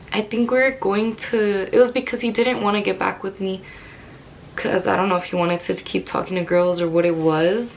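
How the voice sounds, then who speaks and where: A woman's voice: mid-range voice, a little hiss or hum, low-quality recording. Candid young woman telling a story. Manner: candid, rambling, many "like" fillers. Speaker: vlogger. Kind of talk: personal storytelling to camera.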